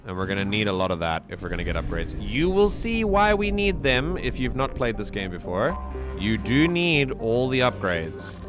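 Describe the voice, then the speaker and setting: A man's voice: mid-range voice, animated, normal speed. A man doing casual live gaming commentary as a streamer, rambling along in a jokey, giggly way. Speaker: game streamer. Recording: game music behind the voice. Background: video game music.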